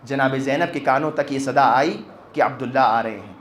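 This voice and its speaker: A man's voice: mid-range voice, fairly bright tone. A man leading a mourning sermon as a maulana, speaking in a chanting, impassioned way that swells into cries.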